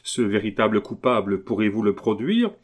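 A man reading a novel aloud, voicing an anxious general who speaks urgently and often quietly. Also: lowish voice, big pitch swings, moderate pace. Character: anxious aging general, eager and hushed. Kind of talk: audiobook reading.

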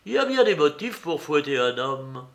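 A man's voice: on the high side, very animated, normal speed. A man playing a sly, boastful old hanger-on. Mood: sly boasting.

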